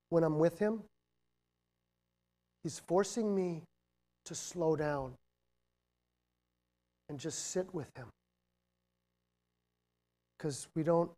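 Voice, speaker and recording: A middle-aged man giving a motivational leadership talk to students. He swings between loud, emphatic points and quiet, reflective asides, with jokey, self-deprecating humor. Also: a little high. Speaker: guest speaker on leadership. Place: university lecture room.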